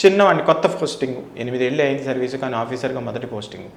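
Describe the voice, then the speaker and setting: As an interview guest, a former air force officer from India, middle-aged, races through forceful opinions, repeating phrases and posing rhetorical questions. His voice is mid-range and creaky, in an echoing indoor space with a bit of hiss or hum.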